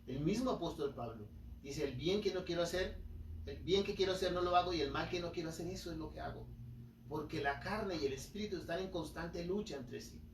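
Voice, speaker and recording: A man's voice: a little high, a little fast, slight background noise. A man preaching a sermon as pastor, rising emphatically and acting out quotes. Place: church hall. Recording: echoey room, voice from far off.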